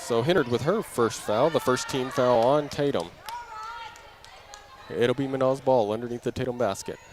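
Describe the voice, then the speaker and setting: This is live basketball radio commentary from an indoor gym mid-game, with noisy ambience and bouncing balls. The play-by-play man speaks at normal speed in a mid-range voice, using short, clipped phrases and getting louder with the action.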